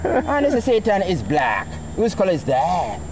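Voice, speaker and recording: Animated Jamaican man teaching over outdoor noise. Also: sits high, moderate pace. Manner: didactic, quizzing listeners with rhetorical questions. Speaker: Rastafarian farmer. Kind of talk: informal street philosophizing. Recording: noisy outdoor recording with traffic.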